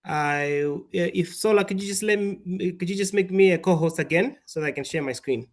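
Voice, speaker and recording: A man from Malawi leads an online webinar over a video call, his voice sitting a little high for a man. He talks in a measured, orderly way and walks through his points with the occasional "uh" and "so". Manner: measured, structured presenting with frequent fillers. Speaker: webinar presenter, programme alumnus.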